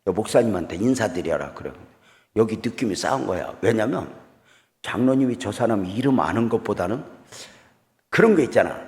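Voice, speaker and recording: Lively pastor preaching in a church hall. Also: male voice, on the low side, normal speed, long pauses. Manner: swings between loud exclamations and quiet storytelling, asks the congregation questions. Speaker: guest revival pastor. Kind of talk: revival sermon. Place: church sanctuary.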